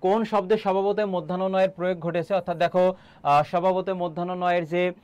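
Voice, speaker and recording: A man's voice: sits high, steady tone, fast, darkish tone, smooth, dry recording, highs cut off. A young man teaching an online exam-prep class, quizzing students and repeating key answers, with frequent filler sounds.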